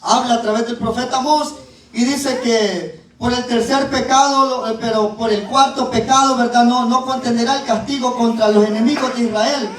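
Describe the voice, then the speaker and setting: Very high-voiced preacher in an echoey church. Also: male voice, steady tone. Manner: peppers speech with "¿verdad?" and "eh", stretches key words slowly. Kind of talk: sermon with Bible reading. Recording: very echoey, voice far from the mic.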